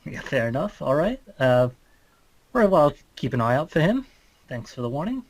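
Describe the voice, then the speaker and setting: Man playing laid-back Kiwi druid, lively pitch. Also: no room sound. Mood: easygoing. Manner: laid-back, halting, colloquial. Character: Marcus, easygoing, friendly male druid fond of animals. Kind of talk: improvised tabletop role-play.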